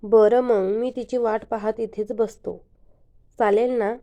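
A woman voicing a caring young man, earnest and low. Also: steady tone, slow, warm tone.

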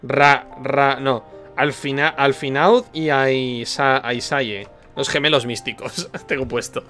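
A man's voice: medium pitch, steady tone, takes it slowly, bright, forceful tone, soft background music. A man with an accent from Spain, a streamer joking and commenting playfully while he plays a video game. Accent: Spain Spanish. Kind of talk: casual gameplay commentary.

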